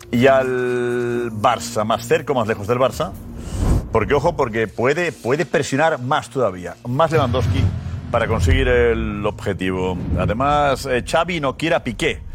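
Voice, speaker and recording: A man with a Spanish accent hosting a live sports talk show, chatty and animated, with informal asides to the audience. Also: mid-range voice. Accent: Spanish from Spain. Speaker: host. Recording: music bed underneath.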